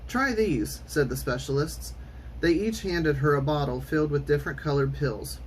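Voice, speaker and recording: A man reading a children's storybook aloud in an expressive, theatrical way with clear enunciation. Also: on the high side, moderate pace, slight background noise, rough recording. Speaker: storytime reader.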